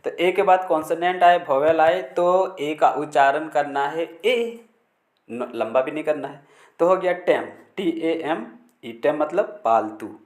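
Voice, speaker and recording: A man with a somewhat high voice gives a patient pronunciation lesson, spelling each word out slowly and repeating the rule. He keeps checking in with short fillers. The room around him is echoey. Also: animated. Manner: spells words letter by letter, repeats key rules. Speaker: English teacher. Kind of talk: Hindi-language pronunciation lesson.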